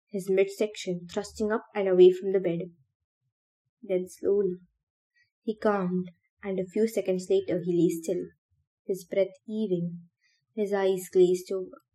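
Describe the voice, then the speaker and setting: Here a woman narrates a novel for a podcast, her medium-pitched voice even and measured throughout.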